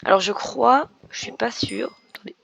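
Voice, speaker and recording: A woman's voice: on the high side, moderate pace, gravelly, a bit bright, slight background noise. A young woman commenting on her Minecraft game in a chatty way, explaining as she plays, with many fillers and restarts. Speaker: gaming YouTuber. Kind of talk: Minecraft let's play commentary.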